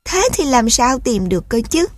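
A woman's voice: high voice, sing-song, normal speed, no echo. Helpful goose, plain storybook read; woman narrator. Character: helpful goose who gets discouraged.

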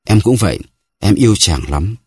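A man voicing a scheming, seductive noblewoman who speaks softly and tenderly in an audiobook. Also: lowish voice, sing-song, moderate pace, breathy edge, no echo, clean studio sound, exaggerated voice. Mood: cooing. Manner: soft, cooing, pleading.

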